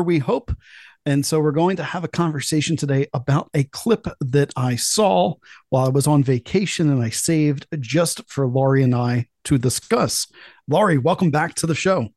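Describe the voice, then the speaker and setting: A man's voice: on the high side, a little mellow, dry recording, clean studio sound. A man hosting a talk show in a chatty, casual way, with sarcastic asides. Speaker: podcast host.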